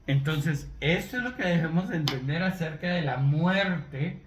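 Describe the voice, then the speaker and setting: A man teaching from the Bible, unhurried, often checking in with his listeners and spelling words out letter by letter. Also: fairly high pitch. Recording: roomy echo, faint background noise.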